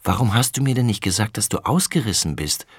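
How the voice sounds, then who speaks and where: Ein Mann, der in einem Hörbuch ein eifriges Mädchen spricht, schnell und aufgeregt plappernd. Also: male voice, fairly low pitch, lively intonation, brisk, slightly rough, dry recording, clean studio sound. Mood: eager. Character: young girl, eager and quick.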